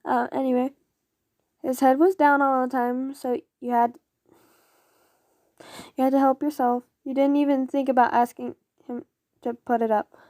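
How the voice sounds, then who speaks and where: A woman's voice: high voice, level tone, moderate pace, pauses often, darkish tone, dry recording, studio quality. A woman casually reading fan fiction aloud, often stumbling over words and apologizing. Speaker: audio story reader.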